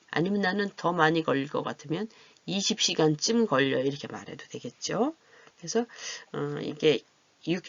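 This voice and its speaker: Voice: medium pitch, a bit bright, no echo. A language teacher giving a beginner grammar lecture, patiently repeating each question and model answer. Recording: dull lo-fi recording.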